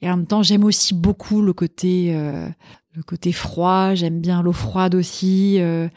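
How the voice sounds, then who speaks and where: A woman's voice: lowish voice, unhurried, no room sound, clean studio sound. A middle-aged woman from Sweden, a podcast guest and cookbook author, chatting casually and with enthusiasm. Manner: enthusiastic, animated storytelling. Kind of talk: casual chat.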